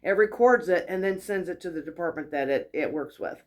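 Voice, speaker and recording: A woman's voice: fairly low pitch, a little fast. A woman hosting a casual spiritual teaching talk, chatty and storytelling, acting out quoted dialogue. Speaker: host, wellness mentor.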